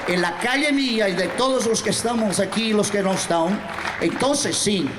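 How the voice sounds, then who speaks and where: Impassioned older Portuguese-born man shouting at a rally. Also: high-pitched, normal speed. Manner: impassioned, rising to shouts, broken English mixed with Spanish. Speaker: shop steward speaking at a rally. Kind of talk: rally speech. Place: outdoor rally with a crowd. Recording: echoey outdoor PA with crowd noise.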